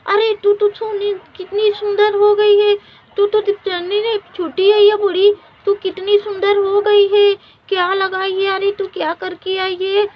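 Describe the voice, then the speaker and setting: A woman's voice: extremely high pitch, fairly even intonation, a little slow. A woman voicing a vain, spiteful younger wife who taunts her rival. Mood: astonished. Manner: mocking, taunting. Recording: dull lo-fi recording.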